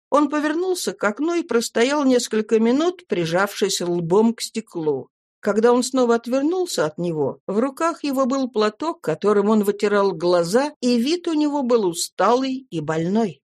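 A woman's voice: a little high, very animated, moderate pace, darkish tone. Woman narrating a classic novel. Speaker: audiobook narrator. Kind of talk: scripted literary narration.

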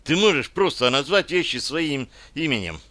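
A man's voice: a little high, very animated, normal speed, pushed and bright, voice pushed up. A man voicing a young warrior woman who is demanding, irritable and anxious in an audiobook. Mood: insistent. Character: young woman, a tense, pushy warrior amazon.

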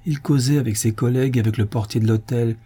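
A man narrating a French detective novel as an audiobook, in a measured storytelling manner. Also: medium pitch, fairly even intonation, warm tone, breathy edge. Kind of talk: scripted narration.

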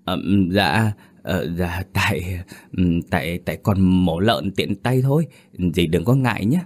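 A man's voice: low-pitched, measured pace. A man playing a shy, burly village pig butcher who stammers through his words with many hesitations. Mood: flustered.

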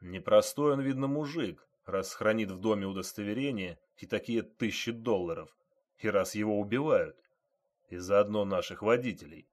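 A man's voice: on the low side, normal speed, natural voice. A man voicing a stern male police major who barks brusque, scolding orders.

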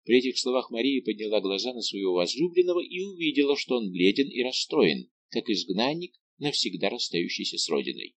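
A man narrating a classic novel as an audiobook in a measured, expressive reading. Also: mid-range voice. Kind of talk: scripted narration.

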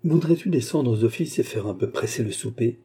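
A male reader voicing an old baroness, fussy and romantic, who gives brisk, imperious orders and swears when roused. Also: mid-range voice, expressive, dark tone, husky. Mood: coaxing.

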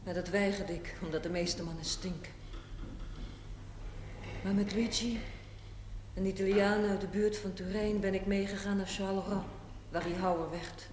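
In a 1970s television drama, an actress delivers a theatrical monologue as a frank, proud 45-year-old former prostitute telling her life story, blunt, matter-of-fact and deliberate. Her mid-range voice is steady and natural, her mood frank and reminiscing. The recording is echoey and faintly noisy.

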